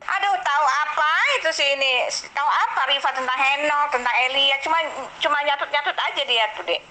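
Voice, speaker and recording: High, taunting woman debater. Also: a little fast, bright, forceful tone, a little hiss or hum, poor audio. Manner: scolding, taunting, colloquial. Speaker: debater in an online religious debate room. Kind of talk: heated voice-chat debate.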